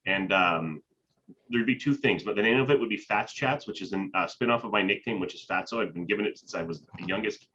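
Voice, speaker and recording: A man's voice: deep voice, brisk, bright, forceful tone. Rambling man on a dull video call. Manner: rambling, talks with his hands, laughs often. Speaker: business owner. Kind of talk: casual video-call chat.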